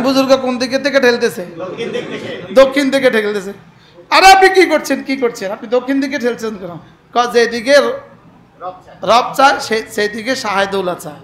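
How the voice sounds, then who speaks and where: A man's voice: extremely high pitch, fairly bright tone, reverberant. A man preaching a fervent waz sermon, calling out questions for the crowd to answer. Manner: fervent, call-and-response with the crowd. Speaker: Islamic preacher. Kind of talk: emotional Bengali waz sermon.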